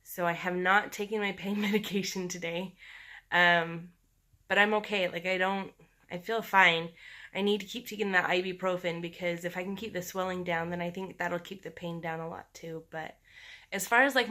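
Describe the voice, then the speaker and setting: Bright-voiced woman, scratchy from sore throat. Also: lowish voice, fairly even intonation. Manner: halting, candid, conversational. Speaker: personal vlogger. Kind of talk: casual confessional video diary.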